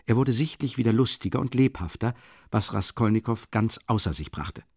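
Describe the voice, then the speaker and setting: A man narrating a classic novel as an audiobook in a measured, even voice. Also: fairly low pitch, vocal fry, no room sound, clean studio sound. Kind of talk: scripted literary narration.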